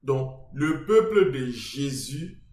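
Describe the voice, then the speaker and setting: A man's voice: medium pitch, sing-song, slow pace, darkish tone, faint music behind. A man explaining on-screen transliterations in a stop-start way, with many fillers and emphatic bursts. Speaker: self-taught lecturer. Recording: echoey room.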